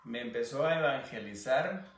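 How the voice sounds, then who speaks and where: A Guatemalan man recounts his own story in an earnest, searching way, pausing for words now and then. His voice sits at an average pitch. It sounds a little distant, in a roomy space with faint noise behind. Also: animated. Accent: Guatemalan Spanish. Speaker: interview guest. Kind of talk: personal testimony.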